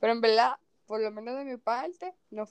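A young woman co-hosting a podcast in a relaxed, chatty way. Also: a little high, moderate pace, clean tone, no room sound. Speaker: podcast co-host. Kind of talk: casual chat.

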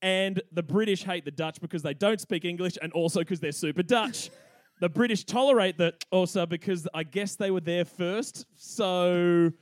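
Cheeky and irreverent, a young podcast host tells history for laughs and laughs often himself. He speaks at a normal speed in a high voice, captured in a dry recording.

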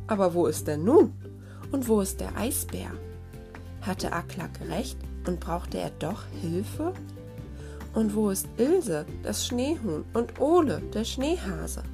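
A woman reading a children's story aloud in a gentle, expressive way. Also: medium pitch, takes it slowly, over music.

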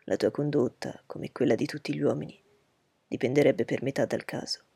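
A woman reading aloud voices a proud, reserved gentleman who speaks in a cool, measured, lecturing way. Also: rumbling low, steady tone, vocal fry, husky, dry recording, voice pushed down, heavily acted.

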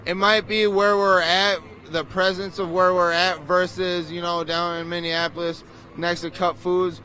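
A man's voice: sits high, flat delivery, measured pace, bright, forceful tone. A man protester in a street interview, choked up, speaking earnestly and emotionally outdoors.

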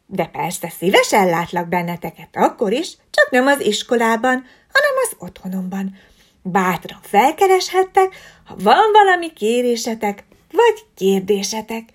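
A woman voicing a gentle, patient owl schoolteacher who explains things warmly. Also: on the high side, very animated. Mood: kind.

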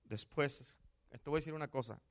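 A man, a pastor preaching a sermon and retelling a story, dropping to a hush and then surging upward on his exclamations. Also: a little high, fairly quick.

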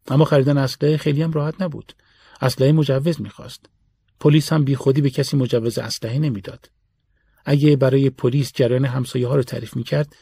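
A man reading a story aloud in a steady, measured audiobook narration. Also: mid-range voice, vocal fry, slightly rough, dry recording.

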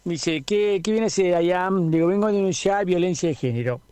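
A man's voice: high-pitched, brisk, darkish tone, clean tone, dry recording, lightly acted. A man with an Argentine accent playing a bumbling, boastful superhero who is afraid of everything, rambling through a radio comedy sketch and acting out each voice in his tale. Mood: rambling, comic. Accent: Argentine Spanish.

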